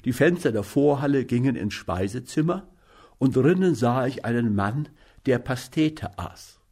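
A man reading a literary story aloud as narrator, in measured, even storytelling. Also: medium pitch, slightly rough. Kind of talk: audiobook narration.

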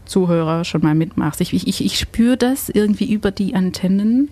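A woman's voice: mid-range voice, moderate pace, mellow. A woman from Belgium hosting a casual radio chat, searching for words and laughing often. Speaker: radio host.

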